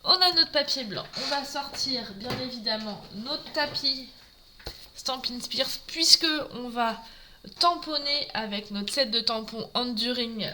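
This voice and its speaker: A woman's voice: fairly high pitch, measured pace, very noisy. A French woman with a Norman accent, chatting through a live crafting tutorial and greeting viewers as she works. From France. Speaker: craft demonstrator.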